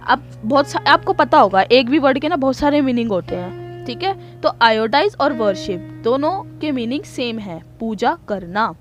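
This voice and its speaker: Indian lady teacher, kinda high voice, sounds out each word slowly, soft music behind. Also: expressive. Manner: spells words out sound by sound, patient and chatty. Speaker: English teacher. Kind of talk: casual spoken lesson.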